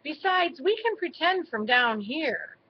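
A woman's voice: high-pitched, expressive, a little slow, highs cut off, a little hiss or hum, pitched above the performer's own voice. Woman voicing a cautious young boy mouse. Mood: hesitant. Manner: careful, hesitant. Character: shy, cautious young male library mouse.

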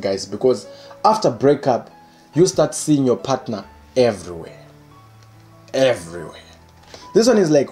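A young man in his twenties hosting his own channel, reading comments aloud and joking about them in a playful, animated way, recorded indoors by a window. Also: mid-range voice. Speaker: channel host. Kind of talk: casual comedic commentary. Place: indoor room by a curtained window.

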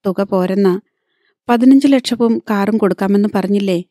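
A man's voice: high-pitched, moderate pace, mellow, no echo, studio quality, close to an everyday voice. A woman voicing a deferential middle-aged male marriage broker in an audiobook. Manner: deferential, reporting to his boss.

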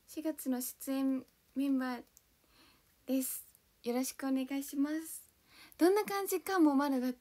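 Bubbly high-voiced young woman streamer. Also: mellow. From Kanto, Japan; born in Hiroshima. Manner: bubbly, giggly, thanks viewers one by one. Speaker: idol livestreamer. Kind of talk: casual livestream chat reading viewer comments.

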